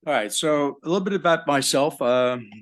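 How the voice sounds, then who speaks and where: A man's voice: on the high side, moderate pace, fairly bright tone. An older man born in Egypt, a professor giving a live conference talk in a conversational way with joking asides to the audience. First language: French.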